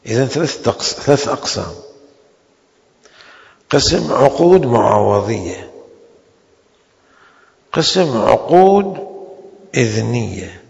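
A man teaching a seminary law lecture. He stretches out key terms slowly and then rushes through quick asides. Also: mid-range voice, very animated, gravelly, lo-fi sound. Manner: slow, drawn-out stresses on key terms with sudden quick asides. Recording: long hall reverb.

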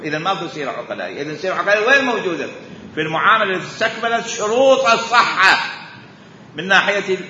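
A man lectures on Islamic jurisprudence in a lively, bright voice, raising rhetorical questions and coming back to the same point again and again. He is recorded in a large echoing hall, and the sound is dull and lo-fi. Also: sits high, slight background noise. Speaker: religious scholar teaching jurisprudence.

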